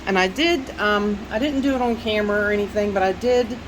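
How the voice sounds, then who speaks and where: A woman from the Southern US, an orchid grower fighting a stuffy head cold, gives a casual vlog tour of her plant shelves at a fairly quick pace. Her medium-pitched voice rambles with many fillers and goes nasal when she bends over. The background is noisy.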